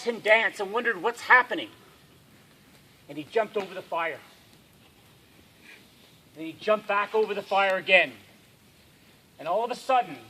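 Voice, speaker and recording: Campfire storyteller, man, very high voice, dramatic hush-to-loud delivery. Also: rough recording. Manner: dramatic, swings from hushed to loud. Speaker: camp storyteller.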